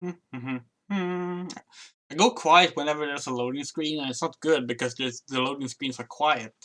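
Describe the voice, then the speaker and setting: Bright-voiced man, casual gameplay commentary. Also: a little high, moderate pace. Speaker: gaming commentator.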